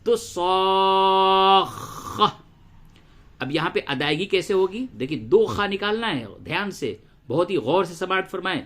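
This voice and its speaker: A man teaching Quran reading and tajweed, explaining letter sounds and drawing verses out slowly as he recites them. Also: high voice, expressive. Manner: slow drawn-out recitation of verses between brisk explanations; addresses listeners as brother, repeats sounds for drilling.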